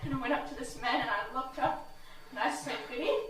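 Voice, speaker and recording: An actress playing a terrified young woman recalling her brother's attack, halting and breathless on a theatre stage. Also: high-pitched, fairly bright tone. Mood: dazed, haunted. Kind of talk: live stage acting. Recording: echoey theatre from far off.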